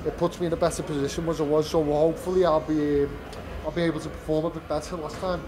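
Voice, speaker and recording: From the media area of a fight venue, a British fighter in his twenties talks frankly after his bout in a press interview, wandering through many fillers and restarts. His voice is on the high side and level, at a quick pace, with crowd noise behind.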